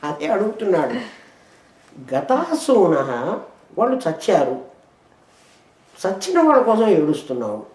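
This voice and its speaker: A woman teaching scripture, explaining verses with rhetorical questions and chanting them slowly. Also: mid-range voice, big pitch swings, darkish tone, reverberant. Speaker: spiritual teacher. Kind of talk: scripture lesson.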